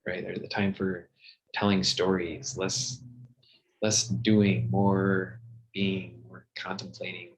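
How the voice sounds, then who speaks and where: A man hosting a group video call and guiding a gentle love practice in a calm, unhurried way. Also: sits low. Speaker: host and meditation guide. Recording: dull lo-fi video call audio.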